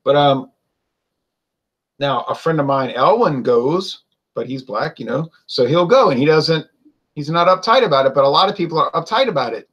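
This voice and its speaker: A man's voice: on the high side, lively intonation, moderate pace, a bit bright, slightly rough, dull audio. A man co-hosting a casual wine chat, rambling and opinionated, with lots of fillers and restarts. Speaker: wine show co-host.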